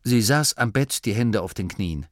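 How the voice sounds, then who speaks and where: A man narrating a storybook in a measured, expressive manner. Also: fairly low pitch, no room sound. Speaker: audiobook narrator. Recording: dry, close studio voice.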